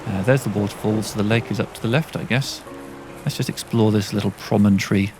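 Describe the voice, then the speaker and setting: A man's voice: on the low side, steady tone, a little fast, a little mellow, soft background music. A man casually commentating a game as he plays, chatting and reading all the on-screen lines aloud himself. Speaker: gameplay commentator. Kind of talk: casual let's-play commentary.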